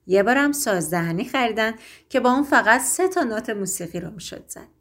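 A woman reads a children's story aloud in a soft, even storytelling voice. Her voice sits slightly high.

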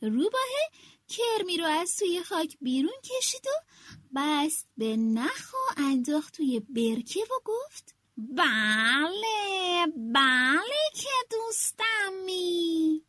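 Lady reading a kids' animal story, very high lively voice, dry close sound. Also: no echo.

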